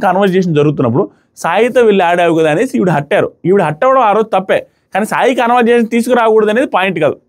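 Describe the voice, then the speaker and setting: A man giving a casual, opinionated review of a reality show, retelling the arguments quickly and acting out what others said. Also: high-pitched. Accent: Telugu-speaking South Indian. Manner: fast, animated retelling, briefly mimics the people he quotes.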